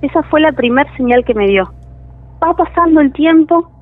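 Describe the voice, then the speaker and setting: A woman with a Rioplatense Spanish accent telling a personal story as a caller, halting and restarting, her voice wavering with emotion. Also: high voice, lively intonation. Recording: phone line.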